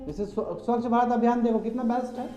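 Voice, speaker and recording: A man's voice: very high-pitched, steady tone, quick pace, mellow. A man lecturing a class, chatty, calling on students directly and mixing in English terms. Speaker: teacher. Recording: echoey classroom, slightly dull.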